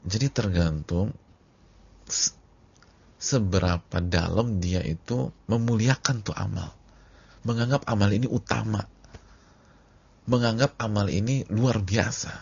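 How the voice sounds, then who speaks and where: A man gives an animated sermon in a husky, gravelly voice. His casual slang and sudden swings between loud and hushed keep it lively. The lo-fi recording sounds dull. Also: on the low side, unhurried, pauses often. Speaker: preacher.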